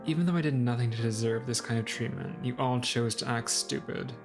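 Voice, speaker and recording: A woman's voice: a bass voice, brisk, music in the background. A woman voicing a weary, fatalistic young man who is dying, speaking in a tired, resigned way. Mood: bitter.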